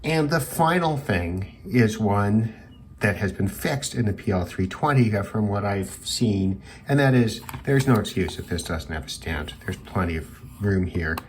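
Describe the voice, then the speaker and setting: Talking through a product review in a relaxed way, this radio hobbyist has a low, expressive voice and a measured, thoughtful delivery broken by hesitant pauses. Noticeable hiss runs clearly through the background.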